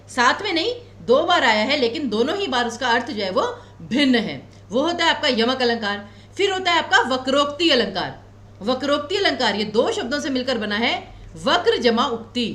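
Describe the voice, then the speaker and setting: Lady teacher in an echoey room, high voice, goes way up and down, slow careful explaining. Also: big pitch swings, fairly bright tone. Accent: Himachali Hindi. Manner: explains patiently, repeats key points slowly; reassuring, tells students not to worry. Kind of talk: exam coaching lecture.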